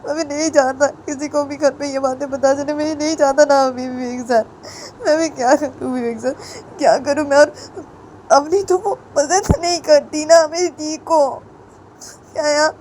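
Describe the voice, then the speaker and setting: A woman's voice: sits high, a little mellow, a little hiss or hum, pitched above the performer's own voice, close to an everyday voice. A woman voicing a young male student who pleads and sobs to his teacher. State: crying.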